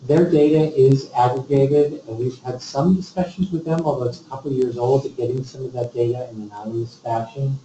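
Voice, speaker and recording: A man leads the agenda in a committee meeting, thinking aloud and restarting often. His dark, mid-range voice is brisk with few pauses and fairly even intonation, picked up by a distant room mic in a dull, echoey meeting room with slight background noise.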